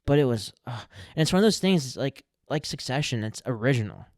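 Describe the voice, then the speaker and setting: A man's voice: medium pitch, animated, fast talker, darkish tone, dry recording, studio quality. A young man co-hosting a podcast, chatting casually and animatedly with a friend, laughing easily and restarting his sentences. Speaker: podcast co-host. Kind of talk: casual chat.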